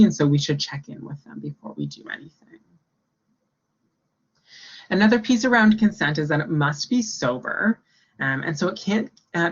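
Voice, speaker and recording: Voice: medium pitch, vocal fry, fairly bright tone, lo-fi sound. A workshop educator explaining a topic to students in a conversational way, with frequent ums and you-knows. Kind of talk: orientation workshop talk.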